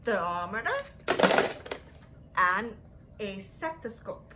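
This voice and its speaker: Heavy background noise fills a small furnished room at home where a young woman teaching children's story time leads small children through a lesson. Her medium-pitched voice has lively intonation and she takes it slowly, sing-song and exaggerated as she asks questions and offers praise.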